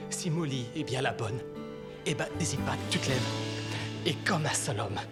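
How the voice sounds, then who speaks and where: An actor playing an earnest, naive friend in a dubbed comedy film, giving emphatic, grandly solemn romantic advice. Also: male voice, medium pitch, animated, moderate pace, natural voice. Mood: solemn, rousing. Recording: loud music over the voice.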